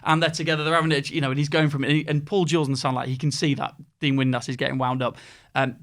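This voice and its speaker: Man, podcast host, quick chatty storyteller, slightly high voice. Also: level tone, a bit bright. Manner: chatty, rambling storyteller with frequent fillers. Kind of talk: casual chat and anecdote telling.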